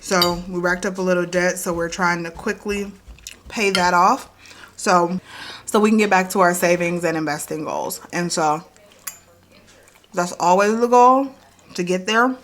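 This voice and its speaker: A woman's voice: fairly low pitch, fairly even intonation, normal speed, fairly bright tone. A woman, chatting upbeat to camera at her kitchen table in a casual vlog, repeating herself as she goes. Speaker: vlogger.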